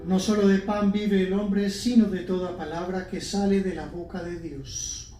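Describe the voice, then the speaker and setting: A man's voice: high voice, flat delivery, unhurried, loud music behind the voice. A man reading scripture and psalms as a lector, solemn and formal, in an echoing church. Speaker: lector at Mass. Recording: echoey church, distant mic, faint noise.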